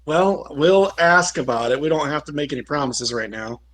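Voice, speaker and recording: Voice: medium pitch, lively intonation, normal speed, a bit bright. A player in a casual tabletop game, easygoing and polite.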